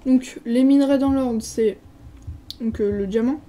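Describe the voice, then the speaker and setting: A woman's voice: on the high side, unhurried, warm tone, rough recording. A French woman giving a casual, hesitant commentary while touring a game server, reading signs aloud with lots of filler sounds. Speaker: gaming video creator.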